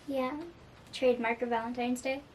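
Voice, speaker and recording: A woman's voice: fairly high pitch, little pitch movement, normal speed, recorded from a distance, heavy background noise. A young woman talking earnestly about a song in a casual reaction video, with frequent fillers. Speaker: music reaction vlogger.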